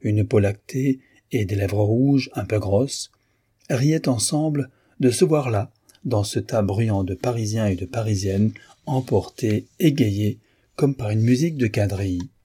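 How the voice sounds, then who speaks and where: A man reading a novel aloud as narrator, measured and expressive. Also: on the low side, breathy edge.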